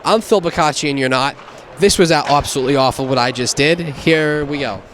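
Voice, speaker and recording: High-voiced male hockey commentator. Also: fairly quick, fairly bright tone, a little hiss or hum. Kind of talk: sports commentary and game previews. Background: music.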